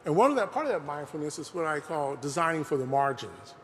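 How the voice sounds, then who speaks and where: Speaking quickly and very animatedly in a fairly high voice, a man presents an earnest public talk in a large museum hall with long reverb. His tone stays conversational, peppered with frequent "you know"s.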